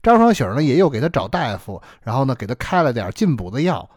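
Lively storyteller man. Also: medium pitch, fast talker, no room sound, clean studio sound. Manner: lively, chatty, full of fillers. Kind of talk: traditional oral storytelling.

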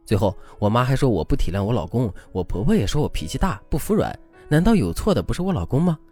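A man's voice: mid-range voice, big pitch swings, warm tone, breathy edge, pitched above the performer's own voice. A man voicing a fed-up young housewife who fires off indignant questions, over faint music. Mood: aggrieved. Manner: indignant, rapid-fire questioning.

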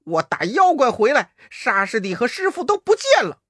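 A storyteller voicing a fierce, hot-tempered monkey king hero who shouts in a shrill voice. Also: very animated, normal speed, slightly rough, no echo, clean studio sound. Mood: urgent. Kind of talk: storybook character voice.

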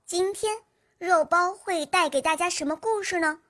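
Woman playing childlike mascot, high-pitched, cute, children's story host, introducing storytime to little friends. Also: normal speed, fairly bright tone. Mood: cheerful greeting. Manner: addresses small children as dear friends.

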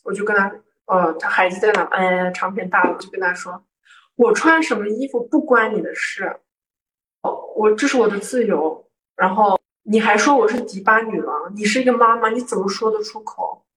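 A young woman from Guangzhou talks in a relaxed, chatty way, slipping into sharp, indignant voices whenever she quotes the people in her story. Her voice sits at an ordinary pitch for a woman. The microphone is set some distance from her. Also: a little fast. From Guangzhou, southern China. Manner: animated, acts out quoted arguments with rising indignation. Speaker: guest telling a personal story. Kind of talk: casual storytelling chat. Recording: voice picked up from a distance.

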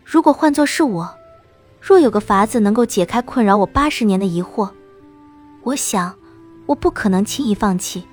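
A woman narrating a novel in the first person with expressive storytelling. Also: medium pitch, normal speed, faint music behind.

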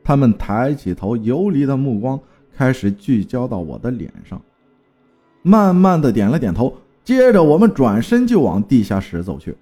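A man's voice: mid-range voice, sing-song, moderate pace, warm tone, husky, faint music behind. A man telling a first-person horror story with dramatic storytelling and terse spoken commands.

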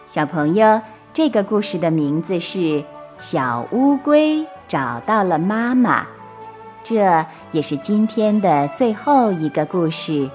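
Woman, children's bedtime storyteller; slow, lively intonation. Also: on the low side, dull audio, faint music behind. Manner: slow, soothing and expressive.

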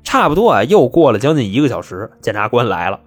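A man's voice: medium pitch, sing-song, fast, slightly rough, soft background music. A man telling a comic crime story as host, chatty, wry and colloquial.

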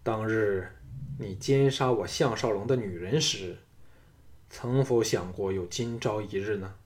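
A man voicing a young hero in an audiobook who gives orders in a calm, clipped way. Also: on the low side, a little slow, close to an everyday voice. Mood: commanding. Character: cool, commanding young male hero leader.

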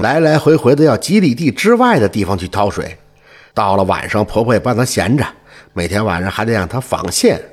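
Husky, animated male storyteller. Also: on the low side. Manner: animated, expressive, rising and falling. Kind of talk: folk tale storytelling.

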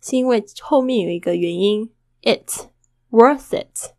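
A woman hosting a casual podcast lesson, chatty and full of rhetorical questions, who slowly models English words and repeats them. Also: a little high, mellow, dry recording, studio quality. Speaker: English teacher and podcast host.

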